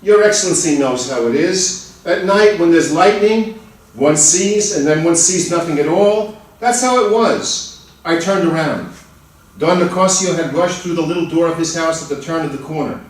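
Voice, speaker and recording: The man's voice sits on the high side and is lightly acted as he reads an accused murderer, defensive and agitated, pleading in emphatic, drawn-out outbursts. It's a dramatic stage reading at a college festival, picked up distantly in a large, echoey hall.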